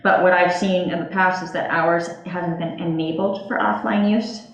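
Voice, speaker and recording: A woman's voice: lowish voice, fairly even intonation, moderate pace, dull audio. A woman in a town meeting, explaining step by step with many fillers. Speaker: commission member. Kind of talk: casual meeting discussion. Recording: echoey meeting room.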